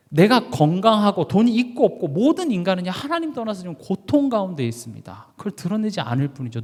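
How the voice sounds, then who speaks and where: A man preaching a sermon, swinging between loud emphasis and hushed asides and acting out little stories. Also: high-pitched, in a large hall. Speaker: pastor. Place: church sanctuary.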